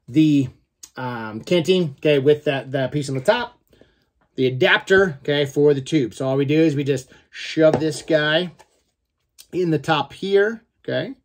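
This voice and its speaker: A man in his forties giving a casual product review to camera, informal and a little salty, often checking in with "okay?". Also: medium pitch. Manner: informal, mildly profane, frequent "okay?" check-ins. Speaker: gear reviewer. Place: small room at home, indoors.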